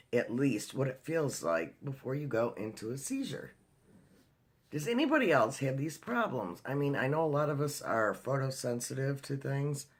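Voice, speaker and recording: A man's voice: medium pitch, a bit bright. A man talking in a casual video diary, telling a personal story in a chatty way with lots of fillers and restarts. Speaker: vlogger.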